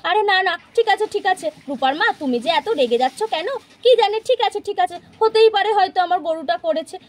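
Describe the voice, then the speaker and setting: A woman voicing a busy village milkwoman in a toy-house puppet play, hurried and defensive, repeating herself. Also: very high-pitched, animated. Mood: grudging. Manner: hurried, protesting, repeats words. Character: busy village milkwoman who owns a naughty cow, defensive.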